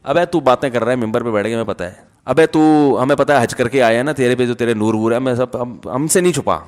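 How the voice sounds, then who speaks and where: A preacher putting on a scornful man who taunts and insults someone, in a lower voice than his own. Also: a little mellow, close to an everyday voice. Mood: sneering.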